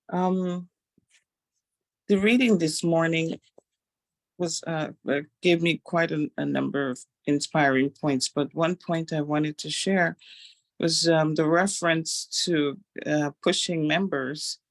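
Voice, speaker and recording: A woman from Guyana sharing a devotional reflection on a video call, halting and pausing often between phrases. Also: low-pitched, no room sound. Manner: halting, with many pauses and fillers.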